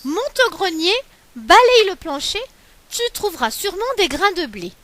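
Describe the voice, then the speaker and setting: A woman's voice: high-pitched, big pitch swings, normal speed, sharp tone, dry recording, full character voice. A woman voicing a fussy, bossy old man in a folk tale.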